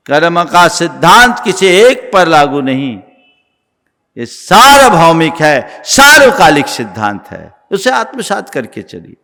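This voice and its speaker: A man preaching a sermon as a monk, emphatic, with rhythmic slogans and sudden drops to quiet. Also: sits high. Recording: long hall reverb.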